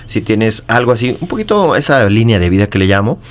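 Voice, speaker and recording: A man's voice: lowish voice, sing-song, brisk. Man hosting a friendly chat. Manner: friendly, joking, long rambling questions. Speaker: podcast host. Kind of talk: casual interview chat.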